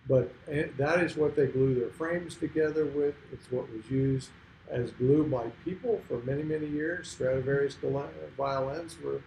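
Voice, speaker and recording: A man with a mellow, dark voice wanders through his points with pauses and restarts. He is a beekeeper sharing what he knows in a casual group chat. His voice carries a roomy echo over faint ambience. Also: medium pitch, a little hiss or hum. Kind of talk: casual discussion.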